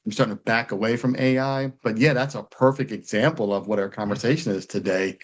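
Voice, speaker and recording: A man's voice: lowish voice, a little fast. A man hosting a casual podcast, talking in a friendly, rambling way with frequent fillers. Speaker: podcast host.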